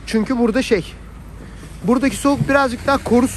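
A Turkish family vlogger with a very high voice talks quickly and casually to his viewers, treating them like friends. He's outdoors on a snowy city street, filming on a handheld phone. The phone audio picks up faint street noise.

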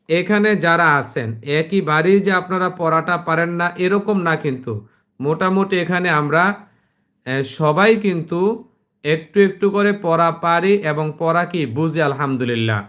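A man with a Bangladeshi Bengali accent leads an online Quran class. His voice sits a little high for a man, and he speaks slowly and patiently. He stretches each recited verse out before explaining it plainly to his students. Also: a bit bright. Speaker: Quran teacher.

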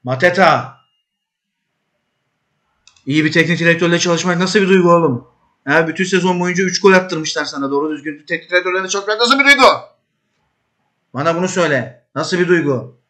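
A man commentates his own football management game as if he stands on the touchline. His voice is bright and slightly high. He coaxes, scolds and cheers his players in quick bursts. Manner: coaching players aloud, urging and scolding; bursts into high shouts at attacks. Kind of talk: live commentary while gaming.

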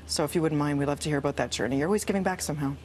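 A woman hosting a morning TV show, prompting her guests briskly. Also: deep voice, darkish tone, slight background noise. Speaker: host. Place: TV studio set.

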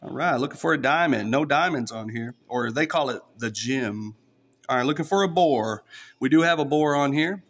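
In a casual play-by-play vlog, a man with an East Texas accent scratches lottery tickets while chatting straight to his followers. His medium-pitched voice is animated and a bit bright, and he keeps a moderate pace.

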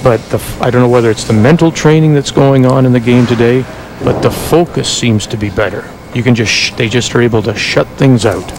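Over crowd noise on a TV broadcast, a man gives conversational play-by-play commentary for televised bowling, full of asides. His voice is medium in pitch and a little fast.

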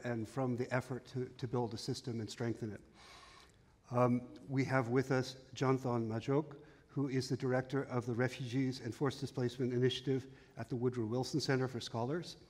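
A man in his fifties moderating a panel on a conference stage, speaking in a measured way with frequent fillers and restarts, on a headset mic. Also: medium pitch, darkish tone. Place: large conference hall stage. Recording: long hall reverb.

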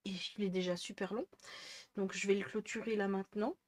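A woman in her thirties rambles fairly quickly in a casual home vlog, recorded on a headset mic at her bedroom desk. Her voice is mid-range, darkish and fairly even in intonation, and her speech is peppered with fillers and restarts.

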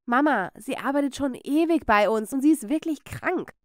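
A woman voicing a kind, timid mother who speaks softly and tenderly in a dubbed cartoon. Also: sits high, lively intonation, moderate pace, no echo, clean studio sound. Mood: pleading. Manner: soft, tender.

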